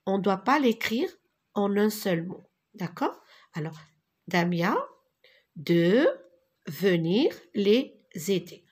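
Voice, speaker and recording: A woman with a slightly husky voice gives a reading lesson to small children. She speaks very slowly and deliberately, sounding out syllables and repeating each word so the pupils can follow. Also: mid-range voice, expressive, darkish tone. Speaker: teacher.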